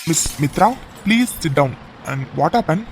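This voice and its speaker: A man voicing a formal, stern new male company boss in a cartoon serial, speaking in a measured way and mixing English phrases in. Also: fairly high pitch, lively intonation, heavy background noise. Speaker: office manager character.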